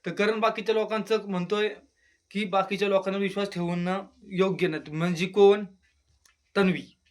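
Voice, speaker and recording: Talking at a moderate pace with fairly even intonation, a man reviews a reality show alone on his channel in a loose, chatty style. He breaks into exclamations and does lowered-voice impressions of the housemates.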